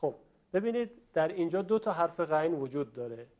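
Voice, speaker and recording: A man teaching a class how to pronounce Arabic letters, politely asking students questions and stretching out example words slowly. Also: a little high, lively intonation, darkish tone, lo-fi sound. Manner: slow, drawn-out model pronunciations. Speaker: Quran recitation teacher. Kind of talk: classroom lesson on letter pronunciation.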